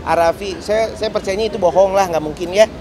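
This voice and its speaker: A man giving a halting street interview, full of fillers. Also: high-pitched, over a noisy crowd. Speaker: celebrity friend interviewed.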